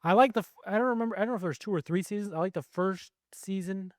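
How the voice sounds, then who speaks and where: Casting: male co-host, fairly high voice, rambling, self-correcting chatter, dry close sound. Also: fast, no echo. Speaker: podcast co-host. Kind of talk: casual chat.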